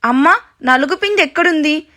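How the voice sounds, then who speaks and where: A woman's voice: high voice, normal speed, bright, forceful tone, voice pushed up. A woman voicing a cheerful, naive young married daughter chatting with her mother in an audio story. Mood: gushing. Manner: chatty, gushing.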